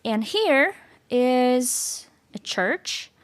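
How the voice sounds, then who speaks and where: Slow-speaking Ukrainian-accented woman. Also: high-pitched, very animated. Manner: hesitant, searching for words, many restarts. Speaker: guest speaker. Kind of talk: informal presentation with audience quiz.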